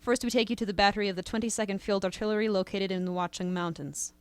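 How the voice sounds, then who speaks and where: A radio announcer reads war bulletins in a radio play, as a woman acts her out. She keeps a brisk, even delivery, recorded close and dry. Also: mid-range voice, smooth, no room sound, close to an everyday voice. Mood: urgent. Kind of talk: amateur radio drama.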